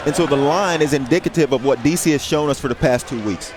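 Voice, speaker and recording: A man's voice: fairly high pitch, quick pace. A man giving live football analysis as a color commentator. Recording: noisy stadium crowd behind. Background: crowd noise.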